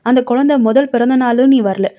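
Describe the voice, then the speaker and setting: A woman's voice: high voice, moderate pace, close to an everyday voice. A woman voicing a bitter grandmother who speaks in a trembling, reproachful way. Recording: dull lo-fi recording.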